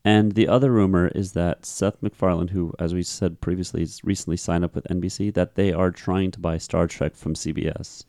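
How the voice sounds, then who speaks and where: A man co-hosting a casual podcast, joking and animated as he chats with friends. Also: low voice, a little fast, hardly any pauses, no echo, clean studio sound. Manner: joking, animated, slips into mocking voices. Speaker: podcast co-host. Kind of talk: casual chat.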